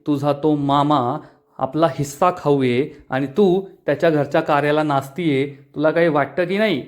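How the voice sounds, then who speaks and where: A man's voice: fairly high pitch, moderate pace, close to an everyday voice. A man voicing a scolding village aunt. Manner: scolding, insulting.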